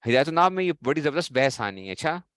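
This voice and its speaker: A man's voice: a little high, sing-song, rapid-fire, fairly bright tone, smooth, no room sound, studio quality. A man with a Pakistani Urdu accent teaching a grammar class, explaining step by step and quizzing his students as he goes. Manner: explains in a question-and-answer style, quizzing students.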